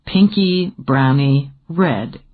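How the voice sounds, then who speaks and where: A female narrator voicing a dry, teasing man in a deadpan manner. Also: on the low side, moderate pace, husky. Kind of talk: audiobook character reading. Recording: tinny phone-like audio.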